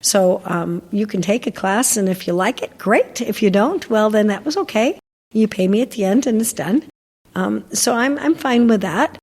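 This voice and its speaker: Older woman, dog trainer, gravelly, mid pitch, chatty rambling storyteller, interview guest. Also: normal speed, a little mellow, in a large hall. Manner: chatty storytelling with many fillers and restarts. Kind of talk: casual interview chat.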